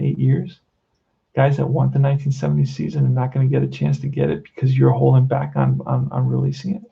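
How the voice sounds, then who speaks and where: A man's voice: medium pitch, vocal fry, mellow, breathy edge, lo-fi sound. A man in his sixties with a Queens, New York accent, chatting casually and bluntly in an off-the-cuff hobby tutorial. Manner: blunt, plain-spoken, addresses listener as "man". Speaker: tabletop baseball hobbyist giving a tutorial.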